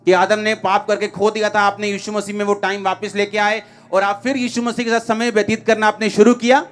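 A man, his voice sitting notably high. He keeps putting rhetorical questions to the crowd in a big outdoor tent. He speaks into a handheld microphone, with faint music underneath. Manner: emphatic preaching with frequent rhetorical questions to the crowd. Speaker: pastor. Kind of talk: sermon. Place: large decorated outdoor tent before a crowd.

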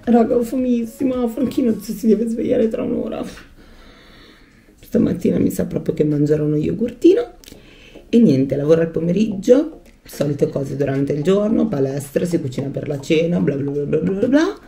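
Italian woman in her thirties, lowish voice, casual vlog to a handheld camera, chatty and self-mocking, faint music behind. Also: moderate pace, creaky. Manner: chatty, animated, self-mocking, with sudden exclamations. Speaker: vlogger. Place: home rooms, a car, a bathroom. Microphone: handheld camera or phone at arm's length.

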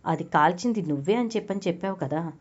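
A woman voicing a sharp-tongued, suspicious grandmother who pries and scolds, over a dull lo-fi recording. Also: fairly low pitch, animated, quick pace. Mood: prying. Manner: prying, scolding.

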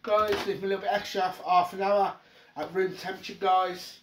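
Speaking a little fast in a high, slightly bright, flat voice, a man hosts a casual home cooking show at his stove. He chats away to viewers with working class speech, saying "guys" repeatedly, amid the noisy sizzle and frying of his home kitchen.

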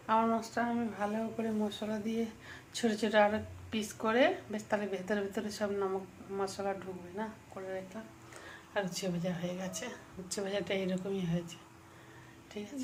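A woman chats her way through cooking in a home kitchen, rambling from one aside to the next and full of fillers. She has a cold. There is a faint hiss of background noise. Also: on the high side. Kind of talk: casual cooking vlog chat.

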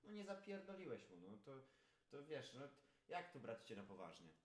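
A man with a mid-pitched voice, recorded in a roomy, echoing space. He talks as a livestreamer in a fight-minded argument, mocking and taunting his opponent with plenty of swearing. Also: sing-song, moderate pace. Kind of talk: confrontational livestream banter.

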